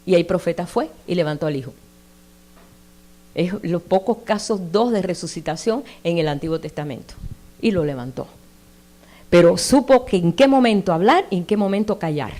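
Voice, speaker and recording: A woman's voice: on the low side, lively intonation, moderate pace, a little mellow. A woman preaching a sermon in a conversational way. She reads scripture aloud with emphatic rises and puts questions straight to her listeners. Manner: addresses listeners directly with tag questions.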